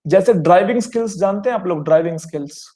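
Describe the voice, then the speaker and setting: Guy teaching vocab online, fairly high voice, keeps asking "right?" to the class. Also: fast talker, mellow. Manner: explains in Hindi with English terms, addresses students as children; repetitive, checks in often with rhetorical questions. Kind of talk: online exam-prep vocabulary lesson.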